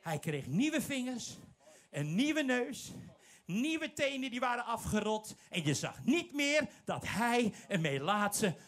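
Male evangelist, very high voice, lively swings, fervent sermon delivery. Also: takes it slowly. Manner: fervent, dramatic storytelling, mixing in English phrases. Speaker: evangelist preacher.

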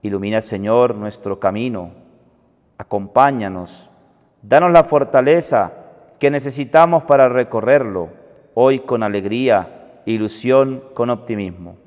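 Slow priest in cathedral echo. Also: male voice, medium pitch. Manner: soft, measured, prayerful delivery. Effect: cathedral echo, long church reverb. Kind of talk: leading mass prayers. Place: large church. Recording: long church hall reverb.

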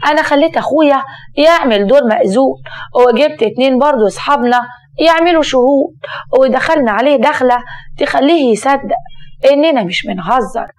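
A woman putting on a brazen young swindler for a spoken story. She is sly and cajoling, with a sharp tongue, and her voice sits a little high. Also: a little fast, natural voice. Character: scheming young woman con artist, brazen.

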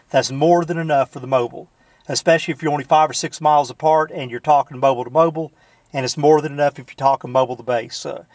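In his truck, a man casually shows off his CB radio, talking in a folksy way full of filler words. His voice sits on the high side and sounds a little mellow, with no room echo. He's a CB hobbyist giving a relaxed show-and-tell demo.

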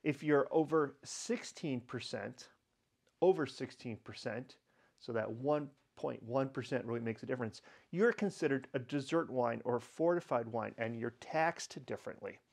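A man hosting a wine tasting lesson, explaining in a relaxed, chatty way with pauses and fillers. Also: medium pitch. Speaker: wine educator host.

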